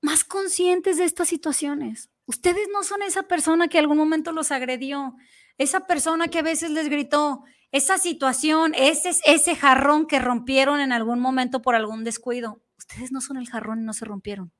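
A woman with a Mexican accent, co-hosting and telling a personal story in casual chat, animated and slangy. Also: high voice, normal speed. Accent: Mexican Spanish. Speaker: co-host.

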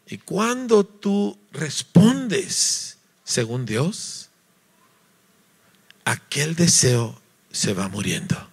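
A man from Mexico, preaching a lively sermon, acting out voices and asking his listeners to agree. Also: on the high side, extremely slow, pauses often, breathy edge. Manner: animated, acts out voices, sings notes, asks listeners "¿verdad?".

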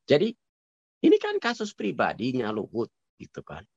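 A man's voice: medium pitch, huge pitch swings, moderate pace, vocal fry, breathy edge, no room sound. A man giving conversational political commentary as an interview guest, hesitant with many fillers and restarts, dropping in English phrases. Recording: dull lo-fi recording.

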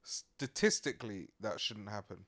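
A man co-hosting a podcast, animated and quick to argue back in casual chat. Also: on the low side. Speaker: podcast co-host.

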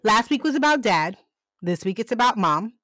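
A woman's voice: on the high side, normal speed, dry recording. A woman, co-hosting a casual podcast and recapping a TV show, often laughing and swearing. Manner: laughs often, profane and animated. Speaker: podcast co-host recapping a TV series. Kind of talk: casual chat.

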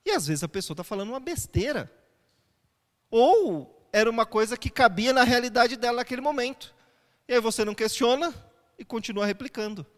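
Male pastor, high-pitched, chatty sermon delivery with rhetorical questions, recorded in a reverberant church. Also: lively intonation, fairly quick. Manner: conversational teaching with rhetorical questions.

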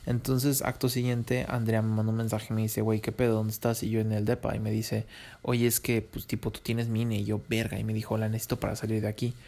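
A man's voice: fairly low pitch, monotone, quick pace, creaky, mellow. A young Mexican man with a Mexican Spanish accent, rambling through a slangy, casual story. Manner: slangy, rambling, laughs between lines.

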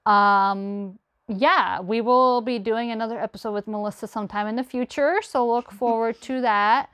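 A woman's voice: fairly high pitch, fairly even intonation, moderate pace, a bit bright, smooth, dry recording. A woman hosting a casual podcast chat, talking in a chatty way that repeats itself, with frequent laughs. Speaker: podcast host.

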